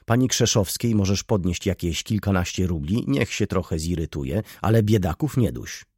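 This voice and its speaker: A man's voice: sits low, expressive, moderate pace, darkish tone, slightly rough, no echo, clean studio sound. A man voicing a tired, secretive middle-aged merchant who brushes off questions in short, evasive replies. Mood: offhand.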